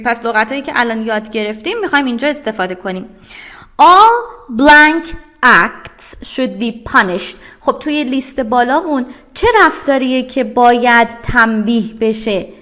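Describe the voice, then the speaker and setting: A woman with a somewhat high, slightly bright voice and a Persian accent teaches vocabulary in a recorded online lesson. She goes through each word step by step, asks questions and answers them herself, and drills the English terms by saying them slowly and clearly.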